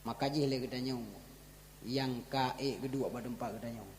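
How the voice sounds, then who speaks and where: A man with an Acehnese accent preaching a sermon at a religious gathering, swinging from loud raised phrases to low dropped ones. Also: steady tone, normal speed, slight background noise. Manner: rises loud on one phrase, drops low on the next. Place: large hall at a religious gathering. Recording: long hall reverb.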